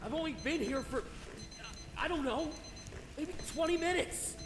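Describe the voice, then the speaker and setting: A man's voice: very high voice, moderate pace, background noise. An actor playing a bewildered male sheriff in a horror video game, urgent and swearing. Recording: echoey game audio with music.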